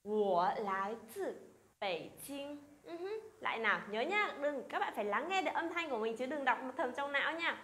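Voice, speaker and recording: Woman, teacher, fairly high voice, slow repeated drills, roomy echo. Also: expressive, pushed and bright. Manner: slow drilling of example phrases, coaxing questions. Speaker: Chinese teacher. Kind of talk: language lesson.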